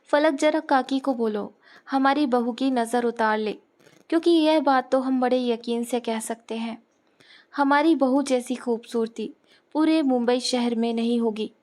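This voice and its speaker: A woman voicing a calm, firm middle-aged mother. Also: a little high, a little slow, lightly acted.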